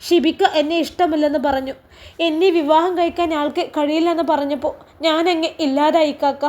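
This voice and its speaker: A woman's voice: high-pitched, fairly even intonation, a little fast, a little mellow, lightly acted. A woman reading a spiteful, jealous young woman in a spoken story, sneering and complaining. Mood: aggrieved.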